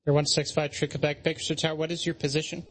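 Male air traffic controller, slightly high voice, flat procedural delivery. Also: fast.

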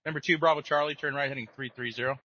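Rapid-fire male air traffic controller on radio. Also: fairly high pitch, steady tone, pushed and bright, no echo. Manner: brisk, procedural. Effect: radio transmission. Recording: muffled lo-fi radio audio.

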